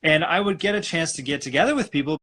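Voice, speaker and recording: Man, from Alberta, guest acupuncturist, rambling casual talk, bright tense voice, video call. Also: on the high side, fast talker. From Canada (Alberta). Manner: relaxed, rambling conversational. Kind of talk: casual live-stream interview.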